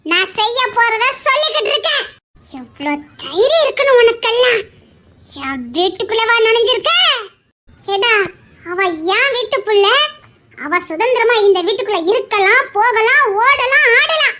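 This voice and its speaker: A high-voiced performer plays a fierce young man protecting his family, taunting and threatening an intruder in a Tirunelveli Tamil accent. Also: expressive, moderate pace, bright, forceful tone, exaggerated voice. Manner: taunting, menacing, mocking laughs. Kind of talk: family skit acting.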